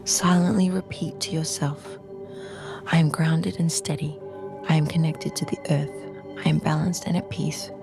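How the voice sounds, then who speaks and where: In a deep, soft, breathy half-whisper, a woman guides a calm grounding meditation, speaking slowly and soothingly in short, measured phrases while music plays in the background.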